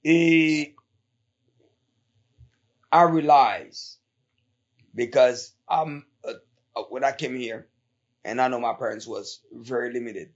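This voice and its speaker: A man from Haiti with a Haitian Creole accent, hosting a casual interview and talking in animated, emphatic bursts. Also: medium pitch, slow pace, long pauses, highs cut off. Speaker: talk show host.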